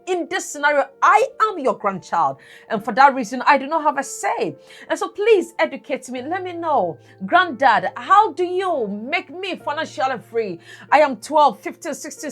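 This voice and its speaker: A woman with a high, slightly bright voice hosts a personal finance channel, talking solo to camera. She's earnest and a bit preachy, asking her viewers questions about what they would do.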